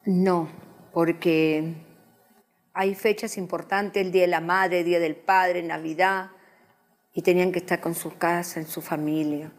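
Woman, middle-aged, church testimony, halting, restarts often. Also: lowish voice, steady tone. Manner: halting, restarts, emotional recollection. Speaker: guest giving testimony. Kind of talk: personal testimony in interview.

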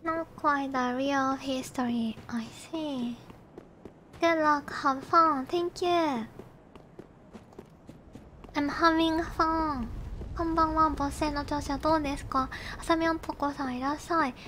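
Speaking with a high, sharp voice and fairly even intonation at a normal speed, this game streamer from Japan chats politely with viewers during her livestream, greeting and thanking them frequently in her Japanese accent. A little hiss or hum can be heard.

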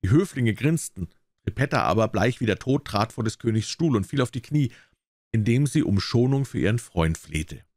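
A man reading a classic tale aloud as an audiobook narrator, with expressive storytelling. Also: medium pitch, moderate pace, dry recording, studio quality. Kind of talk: scripted narration.

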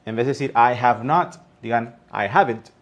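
A man's voice: mid-range voice, moderate pace, lo-fi sound, a little hiss or hum. A male English teacher with a Mexican Spanish accent, patiently explaining grammar in a live online class and drawing out his examples.

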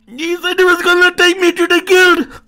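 A man streaming his reaction to an anime, excitable and slangy, often shouting. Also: very high-pitched, normal speed, soft background music.

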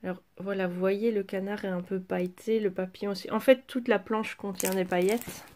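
A woman chatting casually through a craft shopping haul, pausing with fillers as she handles each item. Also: mid-range voice, little pitch movement, darkish tone. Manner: chatty, hesitant fillers while handling items. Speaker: craft vlogger. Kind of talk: casual haul show-and-tell.

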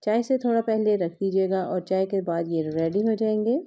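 The audio is dull, but the woman's medium-pitched, mellow voice comes through at a normal speed. She hosts a cooking vlog and patiently gives step-by-step instructions for a recipe, her hands working at a home kitchen counter.

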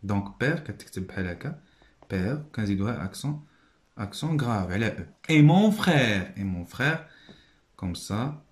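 A man with a Moroccan accent teaching a primary school lesson. He says each word slowly and stresses it, then explains in quieter asides. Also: lowish voice, lively intonation, roomy sound. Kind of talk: classroom lesson walkthrough.

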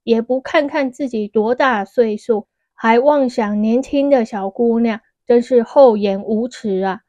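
A woman's voice: fairly high pitch, unhurried, darkish tone, no room sound, dull audio, lightly acted. A woman voicing a scheming male villain in an audiobook, in a mocking, taunting tone.

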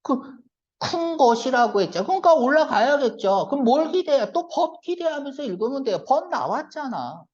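A male English reading teacher giving a brisk exam-prep lecture, firing quick rhetorical check-questions at his students and switching between polite and blunt casual speech. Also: extremely high pitch, big pitch swings, a little mellow. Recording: lo-fi lecture recording.

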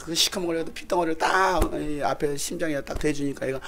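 In a church sanctuary, a middle-aged male pastor preaches a sermon as a story, full of lively shouts, laughter and acted-out voices. His voice runs a little high and a little fast, with slight background noise.

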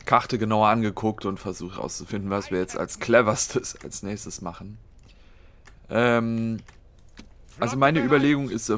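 Thinking aloud with many fillers, a let's play host with a cold plans his strategy-game moves step by step in casual commentary. He has a voice on the low side with a fairly bright tone.

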